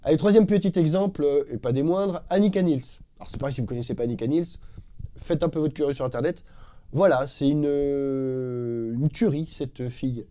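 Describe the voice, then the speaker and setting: In a drum studio, a man with a slightly high, mellow voice gives a relaxed drum lesson at an ordinary pace. He's enthusiastic and full of slang, mimicking drum fills with spoken syllables while drum music plays in the background.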